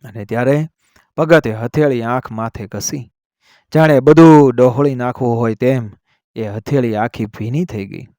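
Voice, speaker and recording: A man, narrating a dramatic story in a steady, grave way. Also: mid-range voice, a little slow, no room sound, clean studio sound.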